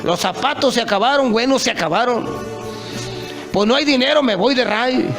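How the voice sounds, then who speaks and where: A man's voice: very high-pitched, moderate pace, over music. A man preaching an impassioned sermon, often calling out to his listeners as brothers.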